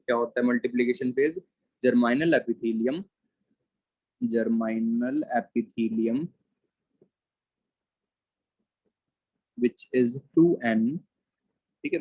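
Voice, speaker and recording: A male biology teacher giving a classroom lecture, dictating slowly and repeating key terms word by word, mixing English terms into his explanation. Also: medium pitch, slightly rough, dry recording. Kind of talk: classroom lecture with board writing.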